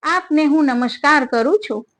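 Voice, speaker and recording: An elderly sage calls on God in slow, devout invocations, as a woman reads his words in her own high voice. It is a storybook reading of an old holy man pleading for rescue. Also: a bit bright.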